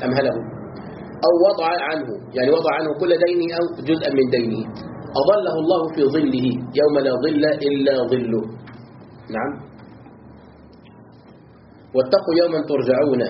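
A man's voice: medium pitch, slight background noise. A man teaching a classroom lesson on Quran commentary, explaining phrase by phrase and putting questions to his students. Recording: roomy, dull lo-fi recording.

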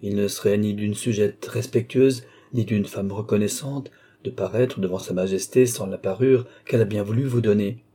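A man's voice: on the low side, steady tone, moderate pace, dark tone, slightly rough. A man reading an audiobook, playing a vain, scheming old baron who talks with irony and cool command. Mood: ironic. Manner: ironic, coaxing, commanding.

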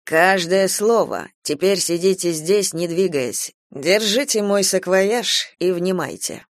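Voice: medium pitch, slow pace, no echo, studio quality. A reader doing a mocking young sergeant. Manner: mocking, cool. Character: young soldier, mocking and cynical. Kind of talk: audiobook character reading.

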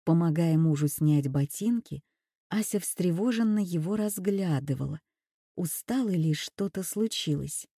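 A woman narrating an audiobook in a measured, even reading voice. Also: lowish voice, husky, no room sound, studio quality. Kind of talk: scripted narration.

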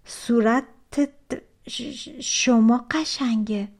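A woman's voice: fairly high pitch, a little mellow. Woman doing a stammering frightened girl. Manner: stuttering, slow and timid.

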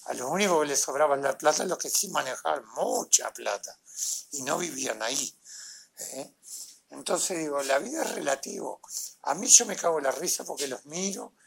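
A man's voice: a little high, lively intonation, moderate pace, creaky, a bit bright, breathy edge. A middle-aged man with a Uruguayan Spanish accent delivering an angry, vulgar monologue full of tag questions.

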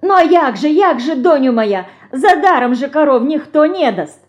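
A woman's voice: sits high, big pitch swings, moderate pace, highs cut off, pitched above the performer's own voice. A woman as tearful pleading peasant women.

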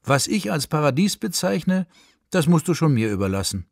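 A man's voice: fairly high pitch, sing-song, moderate pace, gravelly, no room sound, voice pushed up, full character voice. A man voicing God as a small green man who answers in a dry, offhand, grumbling way, read for radio. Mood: shrugging. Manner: laconic, shrugging replies, grumbling. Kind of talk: story reading for radio.

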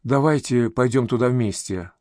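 A male narrator voicing a frightened young woman fleeing danger, speaking in a hushed, tense, pleading way. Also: mid-range voice, moderate pace, no echo, clean studio sound, close to an everyday voice.

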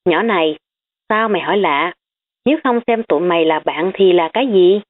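A woman voicing a defensive, sharp-tongued young female student hiding her family's wealth, on tinny phone-like audio. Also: fairly low pitch, brisk, close to an everyday voice.

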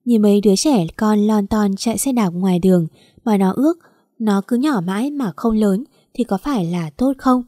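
A woman giving a steady, emotive scripted narration of a family story. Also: medium pitch, normal speed, no echo, clean studio sound.

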